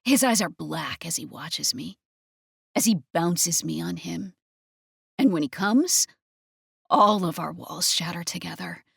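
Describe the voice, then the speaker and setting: A woman narrating a first-person romance audiobook in a breathy, intimate manner. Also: lowish voice, expressive, a little slow, pauses often, fairly bright tone, no room sound, clean studio sound.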